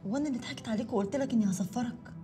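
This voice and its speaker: A woman's voice: on the high side, racing, mellow, faint music behind, lightly acted. An actress playing a wronged woman, pleading reproachfully in an Egyptian voice.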